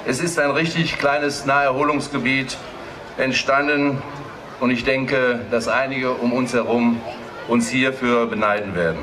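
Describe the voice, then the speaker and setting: A man's voice: mid-range voice, fairly even intonation, unhurried, noisy background. Man giving an outdoor public speech. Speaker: speaker at an opening ceremony. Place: outdoor stage. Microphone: microphone on a stand.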